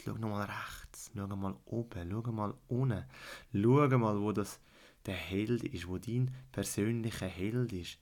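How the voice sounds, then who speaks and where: A man with a Swiss German accent narrating a guided relaxation and sleep story, soothing, with repeated instructions that at times drop to a hush. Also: on the low side.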